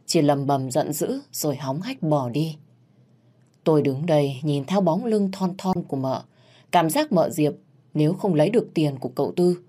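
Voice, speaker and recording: Low, husky woman narrator. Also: warm tone. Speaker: audio story narrator. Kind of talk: first-person storytelling.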